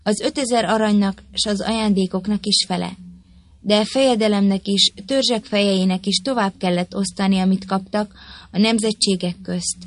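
A woman reading a historical tale aloud in a steady, even storytelling manner. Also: medium pitch. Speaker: narrator.

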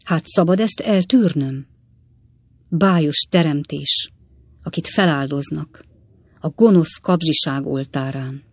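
A woman's voice: low-pitched, slightly rough, no room sound. Woman voicing Mr. Jingle, theatrical male swindler. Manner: theatrical, clipped and declamatory.

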